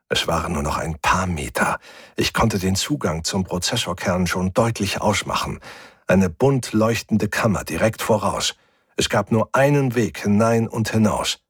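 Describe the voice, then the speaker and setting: Man, audiobook narrator, low husky voice, dry close sound, steady gritty telling. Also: dry recording. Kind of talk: first-person sci-fi audiobook narration.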